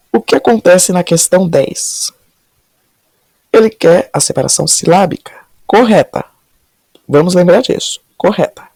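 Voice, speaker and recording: Woman language teacher with a gravelly voice, patient question-and-answer explainer, dry close-miked room. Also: fairly low pitch, mellow, no echo. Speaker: Portuguese teacher. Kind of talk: solving exam questions step by step.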